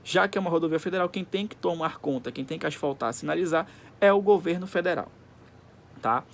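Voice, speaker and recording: Guy teaching class, kinda high and gravelly, faint hiss behind. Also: brisk. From Pará, Brazil. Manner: explains simply, often checks in with "tá?". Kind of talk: recorded classroom lesson.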